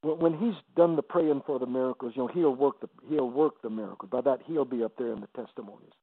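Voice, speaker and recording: Gravelly older man telling his testimony. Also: mid-range voice, no room sound. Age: 70s. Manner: halting, repeats words, gets emotional. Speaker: evangelist guest. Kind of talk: testimony storytelling on a radio interview. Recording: dry, phone-like radio line.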